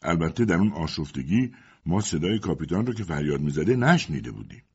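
A man with a very low, husky voice narrates a story in the first person. He reads in a steady storytelling delivery. The recording sounds dull and lo-fi. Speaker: audiobook narrator.

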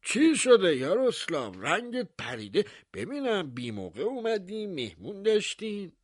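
A man's voice: wildly swooping pitch, no room sound, studio quality, full character voice. Man putting on a nosy, pompous village mayor. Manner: high, mocking, gossipy.

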